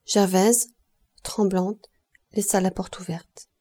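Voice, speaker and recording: As an audiobook reader, a woman narrates a classic novel aloud in a measured, expressive manner with a medium-pitched voice.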